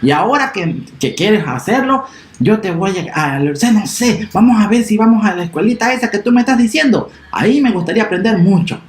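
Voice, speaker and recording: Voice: medium pitch, lively intonation, brisk, roomy sound, close to an everyday voice. A children's storyteller voicing a plain-spoken country father talking to his son. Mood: hesitant.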